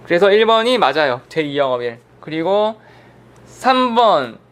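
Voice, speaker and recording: Animated, high-pitched male instructor. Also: unhurried. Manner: animated, asks and answers his own questions. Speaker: insurance exam instructor. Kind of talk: online lecture.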